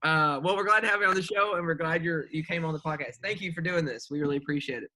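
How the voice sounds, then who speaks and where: A man's voice: a little high, pushed and bright. A man co-hosting a podcast, joking and teasing his guest in casual chat. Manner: joking, teasing, quick to banter. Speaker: podcast co-host.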